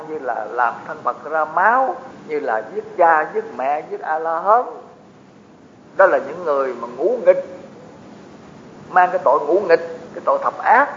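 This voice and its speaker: A man gives a Buddhist dharma talk in a fairly high voice, mixing teaching with folksy asides to the listeners. The recording sounds dull and lo-fi, with faint noise. His voice rings with the long echo of a large hall. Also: a bit bright. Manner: explanatory, folksy asides to the audience.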